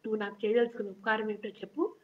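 A woman reading the lines of an earnest young prince in disguise, speaking calmly and plainly, in a children's story reading. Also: mid-range voice, rapid-fire, lightly acted. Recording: dull lo-fi recording.

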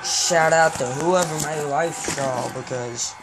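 A man, slowly listing the gear in his tackle box in a low-key late-night chat at home. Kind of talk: casual late-night show-and-tell. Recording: noisy home phone video.

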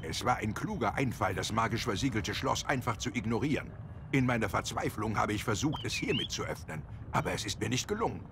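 A man playing a scholarly old male gremlin in a video game, polite, proud and theatrical, with a gravelly voice. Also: lowish voice, animated, a little fast, noisy background. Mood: grateful, proud. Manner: pedantic, theatrical. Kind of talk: video game character acting.

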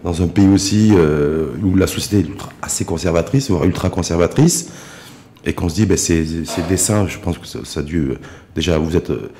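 A middle-aged man hosting a studio interview, posing questions with frequent rephrasing and drawn-out hesitations. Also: low voice, mellow. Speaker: interview host. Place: small radio-style studio. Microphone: desk microphone with pop filter.

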